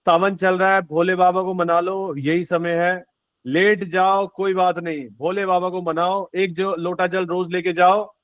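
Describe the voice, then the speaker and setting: A man with a high voice hosts a singing session on a video call. He chats in a loose, encouraging way and jokes easily with his guests. His voice sounds dry and close, with no echo. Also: flat delivery, unhurried. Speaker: host of an online devotional singing session. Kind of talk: casual chat.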